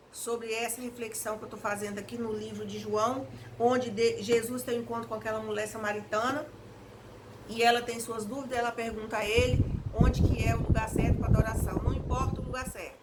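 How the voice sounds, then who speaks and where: A woman preaches an earnest home devotional, urging her listeners on directly in a fairly high voice. An electric fan blows straight into her face as she talks. Its steady whir runs loud under every word of the home recording. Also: heavy background noise. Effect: electric fan blowing right in her face while she talks. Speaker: evangelical lay preacher. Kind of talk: home devotional reflection video. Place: hot room at home.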